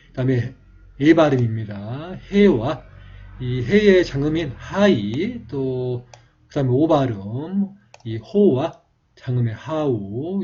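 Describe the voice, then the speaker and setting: Mellow-voiced man teaching script. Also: medium pitch, breathy edge. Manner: slow, explanatory, drawn-out vowel demonstrations. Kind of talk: calligraphy lesson. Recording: dull lo-fi recording.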